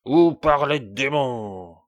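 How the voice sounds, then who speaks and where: Roaring cruel king voiced by a man, loud, mocking, raised pitch, audiobook. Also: animated, slow, dull audio, exaggerated voice. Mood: furious. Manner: loud, mocking, furious outbursts. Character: fat cruel bullying male king, roaring.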